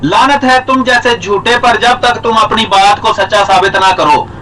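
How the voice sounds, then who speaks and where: A man with a high voice argues hard in a religious debate, heaping scorn and repeated curses on the other side. A faint hiss of noise sits under his recorded voice message. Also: normal speed, sharp tone, low-quality recording. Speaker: Ahmadi debater.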